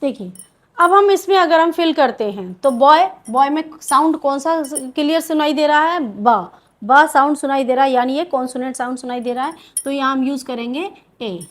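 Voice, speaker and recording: A woman's voice: sits high, moderate pace. A woman with an Indian accent teaching English grammar in a video lesson, asking questions and answering them herself.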